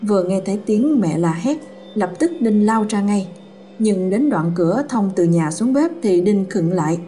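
A woman telling a ghost story in a steady, dramatic way. Her voice is dark and mellow, with faint music playing under the narration. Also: mid-range voice, normal speed. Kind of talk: scripted horror story narration.

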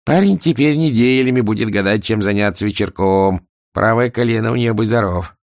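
A man's voice: lowish voice, a little fast, no echo, studio quality, close to an everyday voice. A man voicing a sly, scruffy male city watchman who talks in a brash, mocking way in an audiobook. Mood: leering.

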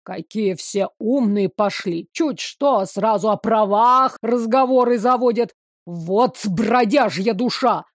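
A woman voicing a gruff, mocking male city guard who talks slowly and tauntingly. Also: fairly high pitch, no room sound, clean studio sound. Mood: sneering. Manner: sneering, slow and taunting.

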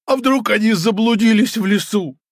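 A gravelly, wailing theatre tyrant. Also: male voice, high-pitched, moderate pace, no echo, studio quality, voice pushed up. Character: self-pitying tyrant puppet-theatre master, middle-aged man. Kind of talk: audiobook character voice.

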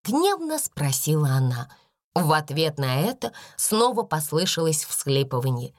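Female audiobook narrator, animated intonation, dry booth-like sound. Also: sits low, measured pace, dry recording. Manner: expressive storytelling.

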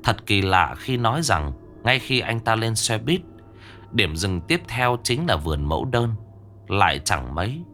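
A man's voice: fairly low pitch, sing-song, measured pace, sharp tone, soft background music. A man narrating a ghost story in a tense, dramatic storytelling manner.

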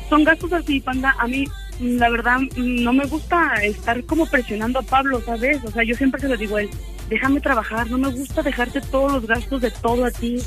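Bright-voiced woman calling in. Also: a little high. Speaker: caller. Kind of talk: casual chat on a radio call. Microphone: phone call.

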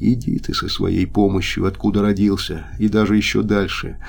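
A gruff, indignant wounded soldier, read by a man in an audiobook, his voice dropping low and quiet as he grumbles and curses in a rough folksy way. stubborn and hurt, he never lets up. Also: normal speed, close to an everyday voice. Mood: furious.

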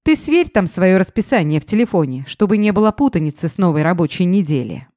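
Woman voicing a drunk ex-husband, brash, boisterous, low, dry. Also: very animated, quick pace, dark tone, dry recording. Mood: cocky. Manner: boisterous, cocky.

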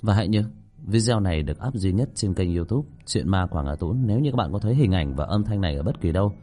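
A man tells a ghost story in a deep, low voice with a husky, slightly rough edge. His tone is mellow and dark, while his pitch moves a lot as he narrates. He reads it like a serialized audiobook. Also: fast. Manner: lively narration with voiced dialogue.

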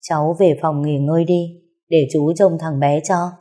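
Woman voicing a grieving gentle old uncle. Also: deep voice, steady tone, unhurried. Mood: worried. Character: older man, grieving worried uncle, gentle.

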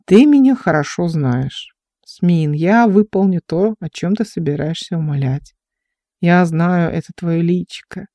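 Brief: reader voicing an injured young officer, teasing, dark mellow tone. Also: mid-range voice, measured pace, no echo, studio quality, lightly acted. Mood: coaxing.

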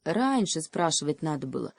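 A woman's voice: low-pitched, big pitch swings, normal speed, gravelly, breathy edge, dry recording, studio quality, exaggerated voice. Woman voicing a earnest young beaver. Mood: reproachful.

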